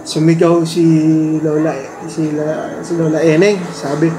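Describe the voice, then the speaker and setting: A man's voice: a little high, level tone, measured pace, roomy sound, music in the background. A man telling childhood stories in casual family chat, laughing often as he talks. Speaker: storyteller. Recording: noisy room background.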